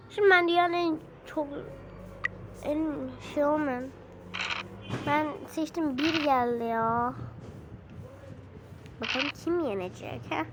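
A woman with a high voice talks her viewers through phone games, musing aloud and exclaiming at each setback. There is clear background noise behind her. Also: slow pace, pauses often. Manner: exclaiming, thinking out loud, easily frustrated. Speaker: vlogger playing phone games. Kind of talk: casual gaming chatter to viewers. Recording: noisy background ambience.

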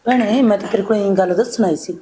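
A woman's voice: mid-range voice, warm tone, echoey room, slight background noise, close to an everyday voice, poor audio. A woman playing a chatty village neighbour who drops by to share local gossip. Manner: chatty, gossipy, drawn-out remarks.

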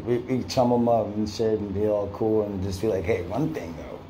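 A man's voice: lowish voice, fairly even intonation, a little fast. A man chatting in a casual, slangy way as a citizen auditor. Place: small indoor police station lobby. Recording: noisy lobby recording.

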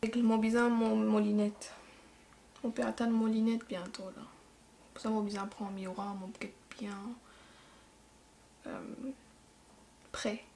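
A woman's voice: fairly high pitch, flat delivery, unhurried, gravelly, long pauses, mellow, a little hiss or hum. A young woman with a Mauritian Creole accent, chatting casually through a makeup tutorial and improvising her words as she goes. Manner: chatty, improvised, laughs at her own mistakes. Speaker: beauty vlogger.

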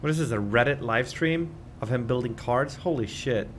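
A man's voice: medium pitch, moderate pace, slight background noise. A young man streaming, casually reacting to videos, loose and swearing, laughing between remarks.

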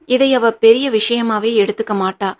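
A woman's voice: on the high side, steady tone, normal speed, darkish tone, close to an everyday voice. A woman voicing a tearful, pleading young wife. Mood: earnest. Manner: pleading, earnest.

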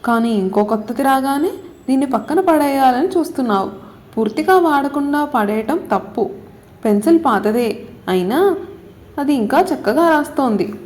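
A woman voicing a patient mother who coaxes and gently lectures her daughter, in a storybook reading. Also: high voice, lively intonation, normal speed. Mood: lecturing. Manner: coaxing, explains a lesson.

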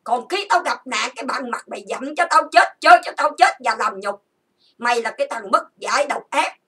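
On her own channel, a female host rants angrily, hurling accusations and insults and repeating lists over and over. Her voice is on the high side, animated, bright, and forceful with a breathy edge, fairly quick, and picked up by a distant mic.

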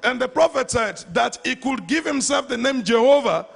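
A middle-aged Nigerian-accented man preaches an impassioned, emphatic sermon into a handheld mic before a congregation in a large church hall, repeating phrases for effect. His voice is extremely high, expressive, and gravelly, at normal speed. It's captured through the live church PA with a faint crowd.

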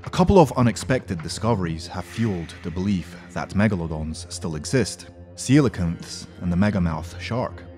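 A man with a low voice narrates a scripted top-ten countdown as host. His delivery is brisk, with the odd throwaway joke. Faint background music sits under his voice. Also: lively intonation, darkish tone.

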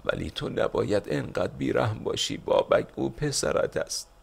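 A man's voice: deep voice, vocal fry, breathy edge, voice pushed up, exaggerated voice. Man voicing a pleading wife and mother. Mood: protesting. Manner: pleading, protesting. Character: grieving mother, Banu, Babak's wife.

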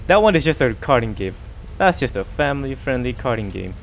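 A man's voice: medium pitch, sing-song, fairly quick, vocal fry, a little hiss or hum. Rambling, giggly male streamer. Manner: rambling, stammering, laughs often. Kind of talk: casual let's-play chat.

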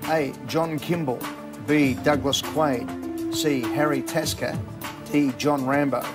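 A man's voice: a little high, fairly even intonation, slow pace. A middle-aged Australian man hosting a TV quiz show, chatty and joking with contestants. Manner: jokey, chatty, upbeat. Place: large TV studio with live audience. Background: show music and audience.

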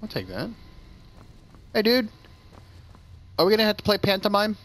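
A man's voice: high-pitched, very animated, normal speed, fairly bright tone. A man hosting a casual let's play, joking and sarcastic as he talks over the game, swearing now and then. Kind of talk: casual gameplay commentary.

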